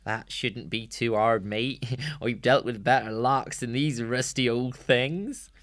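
A man voicing a young male hedgehog held captive on a ship, soft-spoken, quick-witted and cheeky. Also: mid-range voice, voice pushed up. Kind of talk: audiobook character voice.

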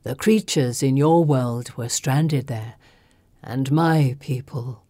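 A woman voicing an ancient, sorrowful serpent-haired female creature, the last of her kind, telling her story slowly and gravely. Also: rumbling low, warm tone, dry recording, studio quality, pitched below the performer's own voice, exaggerated voice. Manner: slow, grave, weary storytelling.

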